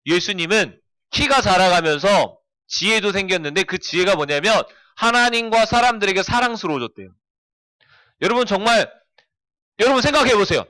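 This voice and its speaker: A man's voice: high-pitched, animated, moderate pace, pushed and bright, dry recording. A man giving a children's sermon, constantly asking the kids questions and answering them himself. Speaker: children's pastor.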